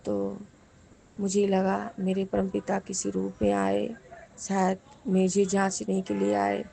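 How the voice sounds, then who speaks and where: A woman's voice: mid-range voice, monotone, takes it slowly, gravelly, dark tone, a little hiss or hum. A woman sharing a devotional testimony with the congregation, fervently and repeatedly giving thanks to her guru. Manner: addresses listeners directly as the congregation.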